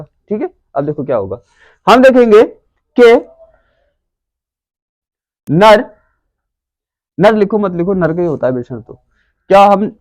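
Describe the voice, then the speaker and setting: A man teaching an exam revision lesson. He keeps asking the class questions, answers them himself, and repeats key words slowly as he writes them out. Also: high-pitched, darkish tone.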